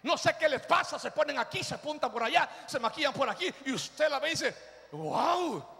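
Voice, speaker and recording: High-pitched, gravelly shouting pastor. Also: male voice, quick pace. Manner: shouting exhortations, leading the congregation to repeat phrases; humorous storytelling. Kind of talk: lively Easter sermon with call-and-response. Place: church hall. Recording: live church recording with long reverb.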